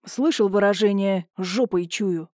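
In an audiobook, a gruff older brother snaps out short, blunt lines, his voice dark and mellow, as a woman acts him. The sound is dry and close, with no room around it. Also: mid-range voice, a little slow, no room sound, natural voice. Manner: curt, growling. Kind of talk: audiobook character voicing.

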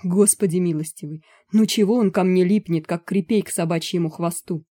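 A woman's voice: lowish voice, unhurried, warm tone, dry recording, studio quality. A woman voicing a small, flustered man who whines and protests in exasperation. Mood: whining. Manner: whining, exasperated.

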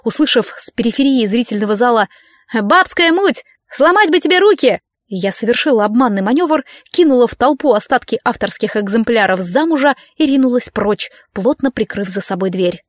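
Lively woman reading a fantasy audiobook. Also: brisk, few pauses, no echo, studio quality. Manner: reads lively, voicing other characters with a raised pitch. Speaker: audiobook narrator.

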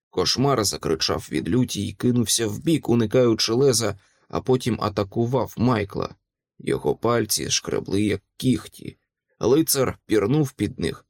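A man's voice: fairly low pitch, no room sound. A man reading a dramatic first-person audiobook narration with vivid delivery.

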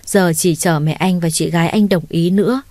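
A woman voicing a soft-spoken, deferential young mother in an audio story, recorded dry and close. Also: on the low side, steady tone, moderate pace, no echo, natural voice. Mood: gentle. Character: young mother, gentle and modest.

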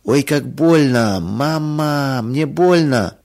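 A man voicing a lively young girl who is quick to temper, his voice pitched up. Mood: pained. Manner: raised pitch, emotional swings.

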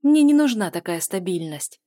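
A woman's voice: medium pitch, lively intonation, fairly quick, mellow, dry recording, clean studio sound, voice pushed up, lightly acted. A woman voicing a defiant young heroine who snaps back through tears in an audiobook. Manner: raised, pleading and snapping. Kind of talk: audiobook character voice.

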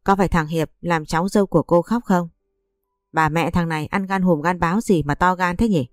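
A woman's voice: lowish voice, a little fast, no echo, studio quality, faint music behind, close to an everyday voice. A woman voicing a doting, playful middle-aged aunt who talks in an affectionate, gossipy way.

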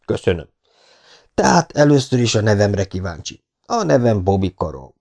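A man doing a courteous gentleman burglar. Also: lowish voice, sing-song. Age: 40s. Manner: courteous, chatty, self-deprecating. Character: middle-aged gentleman burglar, friendly, polite, cheerful. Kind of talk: audiobook character voice.

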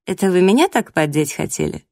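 A woman's voice: fairly low pitch, big pitch swings, brisk, mellow, no room sound, studio quality. A woman voicing a haughty, mocking young woman, the jealous ex-fiancée in an audiobook, who talks down with sneering sarcasm. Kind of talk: audiobook character voice.

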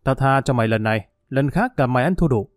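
A man's voice: medium pitch, animated, fast talker, no room sound, studio quality, soft background music, close to an everyday voice. A man voicing a curt, menacing male gang leader. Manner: gruff, threatening.

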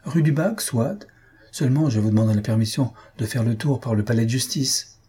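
A man's voice: mid-range voice, brisk, mellow, breathy edge. A man voicing a smug, self-satisfied older painter in a storybook reading, breezy and condescending.

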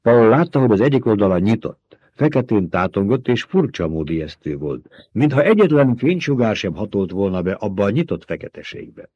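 A man narrating an audiobook in an expressive, dramatic reading, in a dull lo-fi audiobook recording. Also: fairly low pitch, breathy edge, no echo. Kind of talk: scripted narration.

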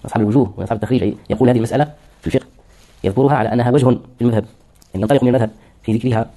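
A man's voice: medium pitch, steady tone, very fast, warm tone. A man lecturing on hadith terminology, explaining words one by one and answering his own questions. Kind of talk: classroom lecture.

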